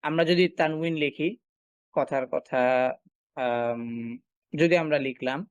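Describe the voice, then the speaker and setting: A man teaching a recitation class, explaining step by step and asking and answering his own questions, often pausing with filler sounds. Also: a little high, smooth, no echo, lo-fi sound. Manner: frequent filler sounds while thinking. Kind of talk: online class lecture.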